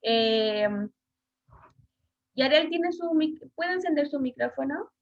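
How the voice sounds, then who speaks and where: Chilean teacher on a video call. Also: female voice, high voice, animated, slow. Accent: Chilean Spanish. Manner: hesitant, many fillers, asks pupils questions. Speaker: schoolteacher. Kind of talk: online class lesson. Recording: dull lo-fi video call audio.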